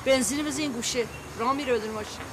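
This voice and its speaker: An actress in a Persian TV comedy series plays a protective, fussing aunt and mother who lectures using folksy sayings. Her high voice sounds natural, set against a noisy background.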